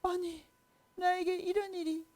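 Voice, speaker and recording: A sick young king cries out in a high, wailing voice, drawn-out and lively in pitch, as a woman puts him on. The tone is warm and mellow underneath the pleading. It is a storybook role told to small children. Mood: doubtful.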